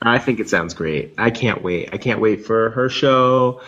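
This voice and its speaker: A man's voice: fairly low pitch, measured pace, a bit bright, lo-fi sound, slight background noise. A man co-hosting a casual chat, often repeating his phrases for emphasis. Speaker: podcast co-host. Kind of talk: casual pop culture chat.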